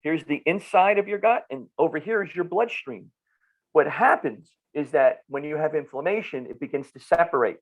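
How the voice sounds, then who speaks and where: A middle-aged podcast guest who works as a nutrition clinician talks through ideas in a conversational way, his northern New Jersey accent clear. His voice sits a little high and is animated at a normal speed, and he hammers points with repeats and rhetorical questions. The recording is somewhat dull and lo-fi.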